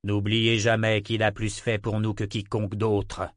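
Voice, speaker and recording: A man voicing an angry burly blacksmith, forceful and scolding. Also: on the low side, monotone, measured pace, no echo, studio quality, lightly acted. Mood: stern.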